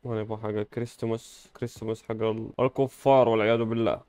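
A man's voice: fairly low pitch, flat delivery, very fast, smooth, no echo. Joking man commenting on a game. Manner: playful, joking, bursts of loud exclamation. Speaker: gaming channel host. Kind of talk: casual gameplay commentary.

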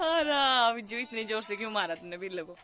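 Her voice sits on the high side, expressive and fairly quick: a young adult Pahari-accented woman from Himachal Pradesh, India, vlogging on a hillside. She holds a phone camera at arm's length and is chatty, giggly and teasing, speaking right to her viewers in a casual vlog.

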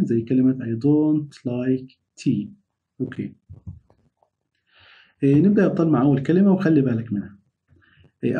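A man teaching a remote English lesson to young children, repeating model words slowly and clearly. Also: fairly high pitch, dull audio.

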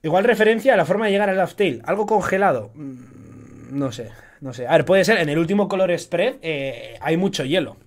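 A young man from Spain with a Spanish accent, talking excitedly through a casual live-stream commentary, swearing often in chatty fan banter. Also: on the high side, normal speed. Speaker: streamer analyzing an anime opening.

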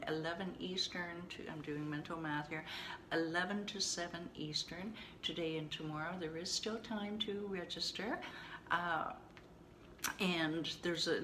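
A woman with a bright, forceful voice talks casually to her viewers, coaching them with blunt tough love and chatty asides. Her voice sits a little low in pitch, and a faint hiss of noise stays behind her. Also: low-quality recording. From Canada. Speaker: vlogger and coach. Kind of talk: casual talk to camera.

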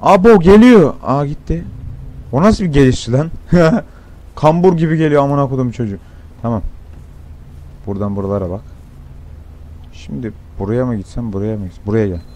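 A young man commenting on his gameplay, excitable and swearing a lot, with sudden shouts. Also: mid-range voice, fairly quick, long pauses. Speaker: gameplay streamer.

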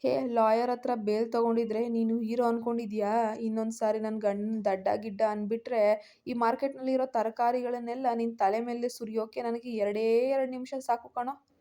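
A woman's voice: a little high, level tone, normal speed, warm tone, close to an everyday voice. A woman storyteller voicing a feisty, bold young bride who scolds and challenges people. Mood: fierce.

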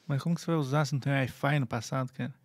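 A man's voice: medium pitch, steady tone, very fast. A man co-hosting a casual podcast, teasing and provoking his partner. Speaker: podcast co-host.

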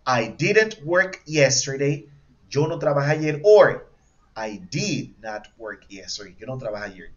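Spanish-speaking male English teacher, lo-fi. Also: medium pitch. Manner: switches between Spanish and English, repeats each example slowly; quizzes himself aloud with pupils' questions. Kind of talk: online class explaining grammar. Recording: dull lo-fi sound.

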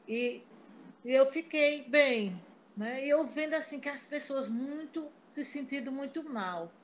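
Woman, fairly high voice, chatty storyteller, muffled laptop mic, faint hiss. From Paraíba, Brazil. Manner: chatty, storytelling, many restarts. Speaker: meeting participant. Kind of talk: casual chat on a video call. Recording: muffled video call audio.

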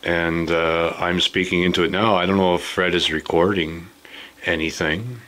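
A man's voice: deep voice, fairly even intonation, moderate pace, a bit bright, rough recording. A man hosting a casual studio visit, joking loosely and swearing now and then. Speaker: video host. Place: recording studio.

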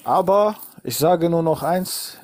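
Higher-pitched man, combative debater, stumbles on fillers, dry sound. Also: lively intonation, a little mellow, no room sound. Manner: combative, interrupting, halting with fillers. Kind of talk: heated religious debate.

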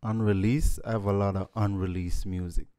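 A young Jamaican man with a Jamaican accent appears as a guest musician on a podcast, chatting casually and dropping "you know" throughout. His fairly low voice is steady, mellow, and moderately paced, picked up by a studio mic on a boom arm in a living room with mirrored wall decor.

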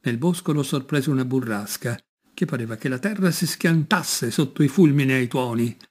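A man reading a folk fairy tale aloud in an expressive, lively way. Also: mid-range voice, moderate pace. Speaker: reader. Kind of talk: storybook reading.

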